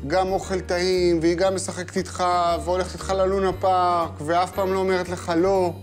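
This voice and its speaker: A man's voice: high voice, flat delivery. A middle-aged man hosting a casual, humorous interview in a teasing, provocative way. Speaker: host, interviewer. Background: prominent music.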